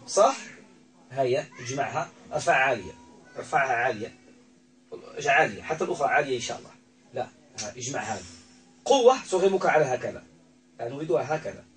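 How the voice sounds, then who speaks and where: A man's voice: a little high, poor audio. A man acting as a ruqyah healer, commanding and repeating himself as he addresses a spirit in an exorcism session, full of religious phrases.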